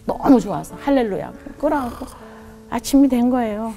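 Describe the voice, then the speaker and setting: A woman's voice: animated, normal speed, creaky, soft background music. A middle-aged woman giving a heartfelt personal testimony as a missionary guest in a studio, earnestly retelling her story. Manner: earnest and heartfelt, quotes God in a lowered softer voice.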